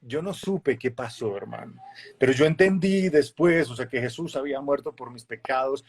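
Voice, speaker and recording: Man, 40s, animated storyteller, chatty guest testimony. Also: mid-range voice, normal speed, breathy edge. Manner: lively storyteller, acts out voices and shifts loudness a lot. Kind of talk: animated testimony in a casual chat.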